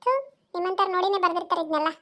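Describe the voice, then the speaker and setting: A woman voicing a sharp-tongued village mother in a cartoon, nagging and scolding her husband in quick bursts. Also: extremely high pitch, steady tone. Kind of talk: cartoon voice acting.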